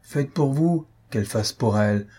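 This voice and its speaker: A man's voice: mid-range voice, animated, unhurried, dark tone, slightly rough. A man reading an audiobook, voicing a stern, practical middle-aged aunt who lectures bluntly, raised well above his own voice. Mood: scolding. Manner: lecturing, firm and cutting.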